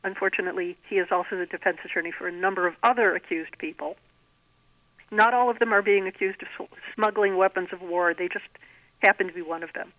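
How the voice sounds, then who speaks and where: A woman with a lowish voice talks quickly about her own writing as a guest author in a conversational interview. She's on a thin, band-limited telephone line, with no room sound.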